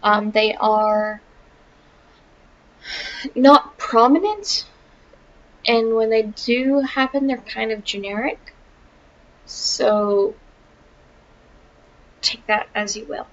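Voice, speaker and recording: A woman's voice: a little high, drawn-out words, pauses often. A woman giving a casual, chatty book review, wry and full of asides and ums. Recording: dull lo-fi sound with faint noise.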